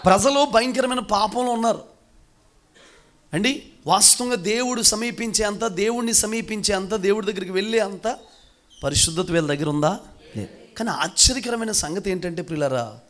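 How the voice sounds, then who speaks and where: A man's voice: high-pitched, normal speed. A male pastor preaching a fervent sermon to his congregation in church, calling out hallelujah again and again. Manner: fervent, calls for loud hallelujahs, often addresses congregation as beloved.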